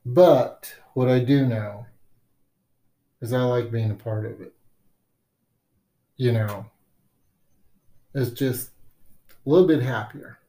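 A man's voice: medium pitch, takes it slowly, long pauses, mellow. A man co-hosting a podcast in casual chat, rambling and joking, often trailing off mid-sentence. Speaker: podcast co-host.

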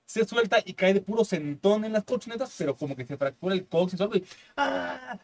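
A man with a Mexican accent co-hosting a podcast who tells stories with crude slang and acts out the quotes. He speaks quickly in a fairly high voice. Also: lively intonation, a little mellow. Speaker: podcast co-host. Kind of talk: casual chat. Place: studio.

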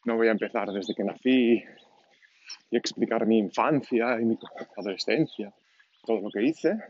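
A man's voice: on the low side, normal speed. A man of 49 from Catalonia with a Catalan accent in his Spanish, hosting a solo podcast in an informal, unscripted monologue, thinking aloud as he rambles. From Catalonia, Spain. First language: Catalan, alongside Spanish. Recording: dull lo-fi home recording, clear background noise.

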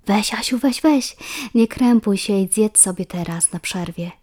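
A woman voicing a kind, caring female teacher who gently coaxes a pupil. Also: mid-range voice, measured pace, lightly acted. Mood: coaxing. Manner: warm, coaxing.

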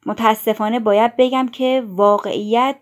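A woman voicing a stern, pompous middle-aged male school patron who lectures loudly and self-righteously in a storybook reading. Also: a little high, fairly even intonation, close to an everyday voice. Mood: denouncing.

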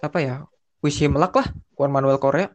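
A young man with a fairly high-pitched voice chats loosely as a podcast co-host. He talks in slang, often stops to restart a phrase and drops in English words. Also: moderate pace. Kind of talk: casual chat.

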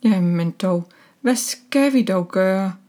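A woman's voice: mid-range voice, warm tone, close to an everyday voice. A woman voicing a fussy, anxious Easter hen in a children's storybook reading. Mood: distressed.

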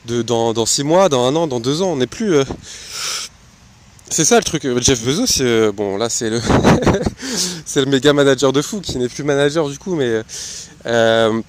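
A man's voice: medium pitch, expressive, normal speed. A man, hosting a podcast on his own and talking casually about management, with lots of fillers and restarts. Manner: loose and chatty, many fillers and restarts, laughs at his own asides. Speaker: podcast host. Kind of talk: casual solo talk on management.

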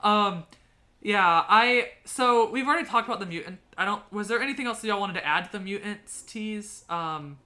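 A woman of medium pitch and moderate pace, sharp in tone, co-hosts a podcast. The conversation is loose and rambling, dotted with fillers and frequent restarts.

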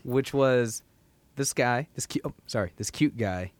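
A young man in his early twenties leads a relaxed book-club chat, recapping the story with animated asides. His voice sits at an ordinary pitch and sounds close and dry, with no room around it. He keeps the tone conversational. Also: measured pace, no echo.

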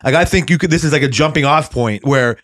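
A man's voice: a little high, fast, a bit bright. A man co-hosting a podcast in casual chat, joking and rambling, swearing often. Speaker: podcast co-host.

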